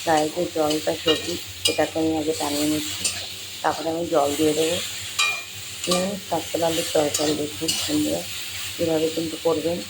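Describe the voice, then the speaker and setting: A home cook with a voice gone hoarse from a cold, explaining a recipe step by step and addressing viewers as friends. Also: mid-range voice, little pitch movement, fairly quick, very noisy. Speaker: home cook hosting a cooking channel. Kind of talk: cooking tutorial with step-by-step talk. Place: home kitchen. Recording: home kitchen with sizzling and clattering pans.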